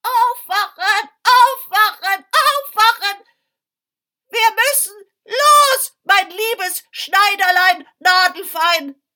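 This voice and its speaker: A lonely scarecrow from a storybook croaks and wails in a shrill, loud voice. It sounds overjoyed and clingy, stretching each cry out slowly. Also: female voice, lively intonation, full character voice. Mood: shrill rousing. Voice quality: croaking, wailing.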